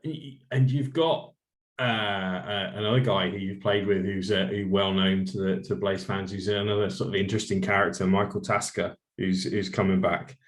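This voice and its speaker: Male podcast host, low voice, chatty and hesitant. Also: steady tone, normal speed. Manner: chatty, hesitant questions with many fillers. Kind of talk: casual podcast interview.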